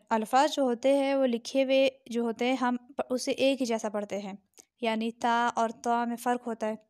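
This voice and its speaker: A woman's voice: on the high side, a little mellow. A woman teaching a lesson on Arabic letter sounds, patiently sounding out and repeating each letter. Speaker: Quran recitation teacher.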